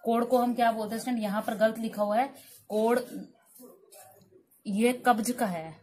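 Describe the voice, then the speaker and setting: A woman's voice: a little high, steady tone, normal speed, mellow. A woman teaching English vocabulary in Hindi, asking each word as a question and answering it herself.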